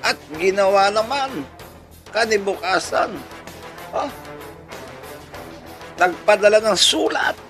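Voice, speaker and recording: This Filipino-accented man tells a comic story as a radio-style channel host, chuckling playfully and leaning on rhetorical questions. His voice is high-pitched, animated, and a bit bright, and he talks slowly with frequent pauses while music plays behind him.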